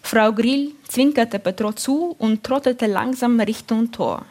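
A woman narrating a literary story in a calm, measured reading. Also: a little high. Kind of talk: audiobook reading.

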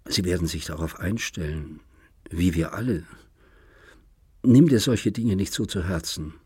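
A man reading an audiobook, voicing an older father-in-law who speaks quietly, slowly and soothingly. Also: low-pitched, slightly rough, no echo, clean studio sound, heavily acted.

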